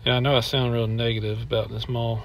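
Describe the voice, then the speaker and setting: With a little hiss or hum in the audio, a middle-aged man talks fast in a level, medium-pitched voice. He is vlogging a walking tour of an indoor shopping mall, handheld phone in hand, and complains bluntly as he films.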